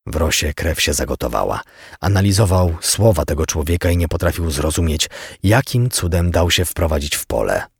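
Male narrator, crime audiobook, very low and very husky. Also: sing-song, moderate pace, no echo, studio quality. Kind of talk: scripted crime-novel narration.

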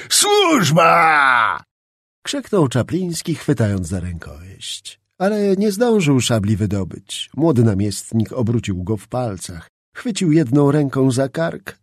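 A man's voice: medium pitch, dark tone, husky, no room sound, clean studio sound. A man narrating a historical novel as an audiobook, reading expressively.

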